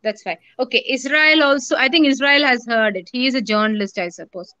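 Woman, Indian English accent, journalism teacher, higher voice, dry dull call audio, explains with fillers. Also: fairly quick, sharp tone, no echo. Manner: explanatory, repeats points, many fillers. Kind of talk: online class lecture.

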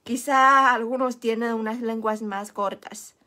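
A woman's voice: on the high side, steady tone, measured pace, bright, forceful tone. A young woman whose first language is Chinese, giving a patient, encouraging Mandarin lesson and demonstrating sounds. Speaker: Mandarin teacher. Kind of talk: live online language lesson.

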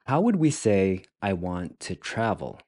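A man teaching a beginner language lesson, speaking deliberately and repeating each word several times. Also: deep voice, big pitch swings, darkish tone, no room sound, clean studio sound.

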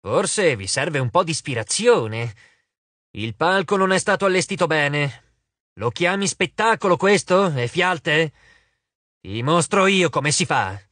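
A man's voice: a little high, lively intonation, measured pace, fairly bright tone, dry recording. A man voicing a bored, drawling wine god. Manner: drawling, lordly, dismissive. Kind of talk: audiobook character voice.

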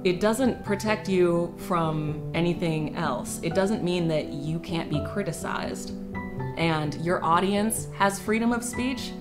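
Young woman comic, blunt, lowish voice, music under it. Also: slow. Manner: blunt, opinionated. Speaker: stand-up comedian. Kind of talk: documentary interview. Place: room with brick wall.

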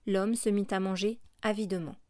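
A woman reading a classic novel aloud as an audiobook narrator, in a steady, measured way. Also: mid-range voice, dry recording, studio quality.

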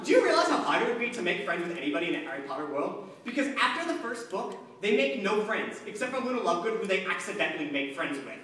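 Young man doing stand-up in an echoey hall. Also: high voice. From Long Island, New York. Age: young adult. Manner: lively, scattered asides with many fillers. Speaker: stand-up comic. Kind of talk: stand-up comedy set. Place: large hall stage with live audience. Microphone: handheld mic, filmed from far seats. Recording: echoey hall from far off, crowd laughter.

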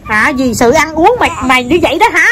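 A young woman with a high voice plays at being sad to tease her child. She mixes mock sulking with playful nagging. The home recording carries clear background noise. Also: animated, fast talker, fairly bright tone. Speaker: mother. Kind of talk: casual family vlog. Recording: noisy home video.

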